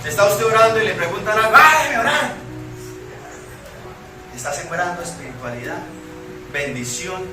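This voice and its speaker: A man's voice: high-pitched, a little fast, heavy reverb, recorded from a distance, music in the background, low-quality recording. A man with a Colombian accent preaching a sermon as pastor, putting rhetorical questions to the congregation.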